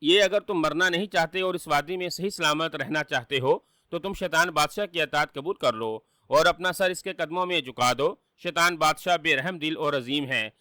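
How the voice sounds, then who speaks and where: A man's voice: on the high side, pushed and bright, no room sound, clean studio sound. A man doing a harsh, menacing evil spirit. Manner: harsh, threatening.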